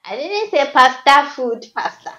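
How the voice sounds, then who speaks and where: A woman's voice: high-pitched, expressive, sharp tone. A woman with a Ghanaian accent, a guest in a playful accent challenge, who argues each pronunciation and laughs her way through the banter. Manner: argumentative, laughing, quick to dispute.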